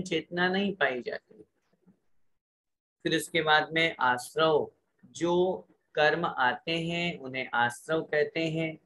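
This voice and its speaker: Slow, bright-voiced male scripture teacher. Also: a little high. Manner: drills pronunciation word by word, asks class to repeat aloud. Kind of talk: slow recitation lesson with call-and-repeat.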